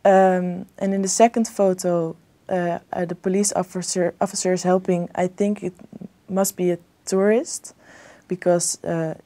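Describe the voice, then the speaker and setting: Hesitant young woman, low and flat. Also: measured pace. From Netherlands. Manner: hesitant, many fillers and restarts, laughs lightly. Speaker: exam candidate. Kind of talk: spoken English exam answers.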